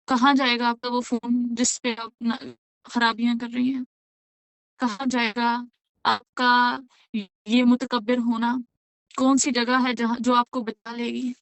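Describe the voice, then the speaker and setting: A woman's voice: high-pitched, a bit bright, no echo. A woman teaching a religious lesson to a class of women, earnest, with many rhetorical questions and frequent check-ins with her listeners. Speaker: Quran teacher.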